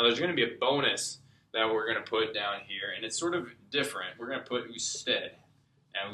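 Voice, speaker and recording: This Spanish tutor has a lowish, sharp-toned voice. He patiently teaches a language lesson one step at a time, pausing to ask "okay?" along the way. The recording has an echoey room sound.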